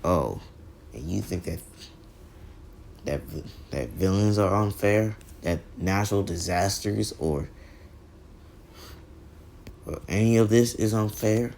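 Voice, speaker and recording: A man voicing an earnest, idealistic teenage boy hero who speaks solemnly, halting and restarting. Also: fairly low pitch, animated, vocal fry, darkish tone, slight background noise, full character voice.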